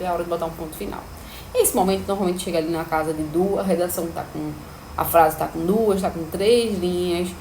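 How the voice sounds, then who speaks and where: A woman's voice: mid-range voice, a little mellow, slight background noise. A woman teaching a grammar lesson, explaining step by step and checking in with her students often. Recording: echoey room, faint ambience.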